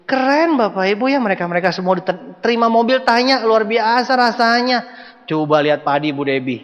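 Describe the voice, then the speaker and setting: A man giving a motivational seminar talk to a live audience, animated and joking, speaking to them directly. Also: sits high, a little fast, dull audio. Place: large hall with audience. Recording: long hall reverb.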